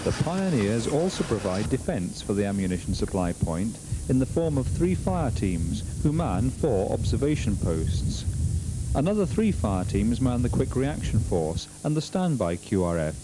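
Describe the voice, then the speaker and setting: A man's voice: medium pitch, big pitch swings, moderate pace, noisy background. A man reading scripted narration for a military documentary.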